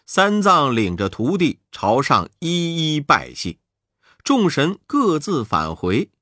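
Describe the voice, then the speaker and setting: A man reading a children's story aloud, slow and deliberate. His pitch rises and falls dramatically from phrase to phrase. The sound is close and completely dry. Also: huge pitch swings, bright, forceful tone, no room sound.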